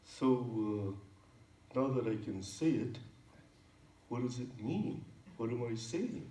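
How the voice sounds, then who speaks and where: A man's voice: medium pitch, slow, roomy sound, distant mic. Man voicing Freddie, an eager frog puppet. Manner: playful, stumbling over words, excitable. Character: curious eager young male frog puppet.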